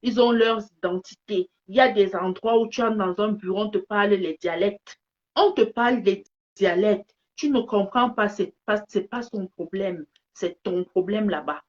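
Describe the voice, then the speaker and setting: A woman's voice: medium pitch, normal speed, darkish tone, muffled recording. A woman from Cameroon with a Cameroonian French accent, speaking emphatically and repeating her key phrases. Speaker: vlogger giving opinions. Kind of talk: passionate monologue to camera.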